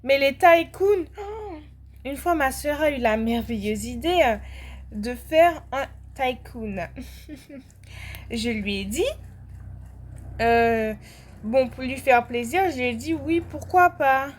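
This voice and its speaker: A woman's voice: high-pitched, animated, slow, long pauses, slight background noise. A young French woman chatting casually while playing a video game, rambling with lots of fillers and restarts and sudden outbursts. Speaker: gaming vlogger.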